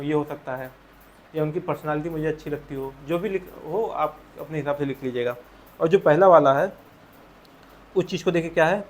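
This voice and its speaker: A man's voice: fairly high pitch, a little hiss or hum. A man teaching a school textbook chapter, patiently explaining answers and asking leading questions to his students.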